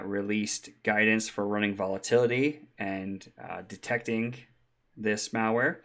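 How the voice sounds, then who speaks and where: Chatty man with a low voice. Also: fairly bright tone. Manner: chatty, laughs easily, many ums and restarts. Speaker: podcast co-host. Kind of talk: casual tech podcast chat.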